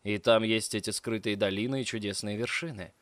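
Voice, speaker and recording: A man voicing a confident, commanding male lover who speaks firmly and a little loudly. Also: lowish voice, steady tone, brisk, no room sound, studio quality, close to an everyday voice.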